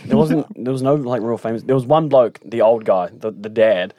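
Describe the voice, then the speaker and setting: A man's voice: medium pitch, normal speed, mellow, dry recording. A young man co-hosting a podcast, telling a story loosely in casual chat. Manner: loose storytelling with swearing and laughs. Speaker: podcast co-host.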